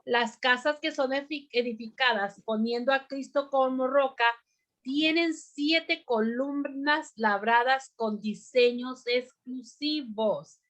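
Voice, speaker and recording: A woman teaching a bible lesson to a women's group, speaking deliberately and often pausing on "amén" to ask her listeners questions. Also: high-pitched, a bit bright.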